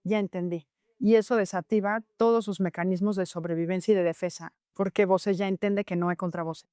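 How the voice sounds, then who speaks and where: Her voice is medium-pitched, warm, smooth and steady, moving fast as this Enneagram teacher explains personality types on a podcast. She's patient and explanatory, recounting real cases with acted quotes, captured in clean studio sound with no room noise.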